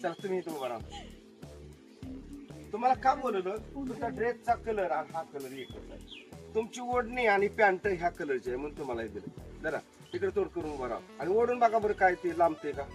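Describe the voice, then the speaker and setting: A man performing a lively magic show for a crowd, joking with and coaxing the audience. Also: high voice, brisk, faint music behind. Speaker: stage magician.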